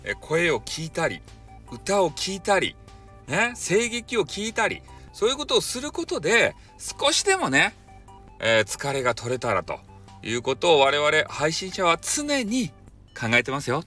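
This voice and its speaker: A man's voice: fairly high pitch, wildly swooping pitch, unhurried, bright, forceful tone, faint music behind. A man with a Hakata dialect, chatting casually and jokingly as the host of a solo podcast. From Fukuoka, Japan. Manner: chatty, jokey, mixes dialect into polite speech.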